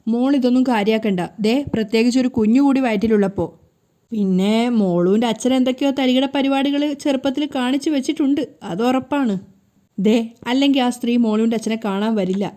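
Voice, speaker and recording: A woman voicing a smooth-talking, scheming middle-aged man who lies persuasively. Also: a little high, a little fast, warm tone, lightly acted.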